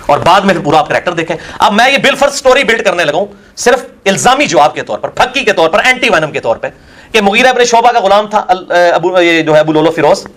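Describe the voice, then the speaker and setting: In a tense question-and-answer session, a Pakistani man who is a religious scholar responds with scorn and force. His voice is high, and he keeps hurling rhetorical questions.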